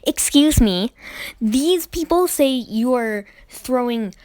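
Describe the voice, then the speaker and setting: A man's voice: very high-pitched, expressive, takes it slowly, darkish tone, dry recording, pitched above the performer's own voice, exaggerated voice, rough recording. A young man imitating a bossy middle-aged woman teacher who snaps and scolds. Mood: scolding. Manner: scolding, snappy.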